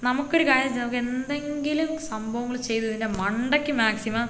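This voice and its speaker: A woman's voice: a little high, fairly even intonation, fast talker, fairly bright tone. A woman hosting a gaming channel, narrating gameplay in a rambling way and often saying okay. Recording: echoey room, faint hiss.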